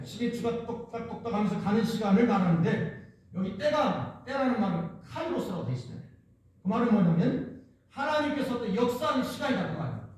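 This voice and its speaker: A man's voice: extremely high pitch, darkish tone. A man from the Jeolla region preaching a sermon, emphatic and repetitive, with many rhetorical questions. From Jeolla region, Korea. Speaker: pastor. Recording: echoey church hall, distant mic.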